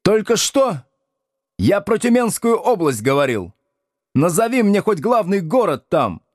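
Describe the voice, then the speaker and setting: A cocky young male teacher, put on by a man reading an audiobook snaps orders at his class in a sharp, scolding voice pitched well above the reader's own. The delivery is lively and commanding. The recording is close and dry. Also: unhurried, no room sound, exaggerated voice.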